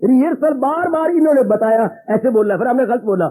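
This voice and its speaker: A man giving a spiritual sermon, telling stories with animated delivery and acting out quoted lines, mixing English words into his preaching. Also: very high voice, brisk. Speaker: spiritual teacher giving a discourse.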